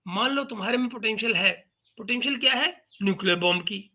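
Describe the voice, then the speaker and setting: A man's voice: high-pitched, brisk, sharp tone. A man hosting a reaction commentary channel, talking in a mocking, sarcastic way. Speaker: YouTube commentary host.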